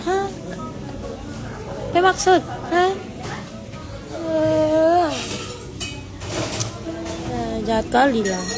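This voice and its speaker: Speaking extremely slowly with long pauses and an expressive voice, a teenage girl hosts a casual phone livestream over background music. She reads comments and teases viewers playfully, going high when mock-outraged.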